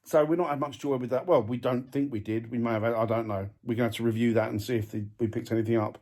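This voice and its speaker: A man's voice: mid-range voice, steady tone, fast, darkish tone. An English man on a ghost hunt, calling out questions to spirits and joking aside in an old building. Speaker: paranormal investigator. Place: old building indoors at night. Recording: noisy on-location camera audio.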